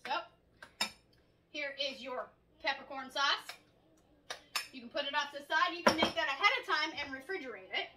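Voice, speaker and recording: Upbeat high-voiced woman cooking at home. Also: moderate pace, long pauses, very noisy. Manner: chatty, upbeat, talks through each step. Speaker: cooking show host. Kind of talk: casual cooking demonstration. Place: home kitchen, indoors. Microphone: camera across the kitchen counter. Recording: echoey kitchen from a distance.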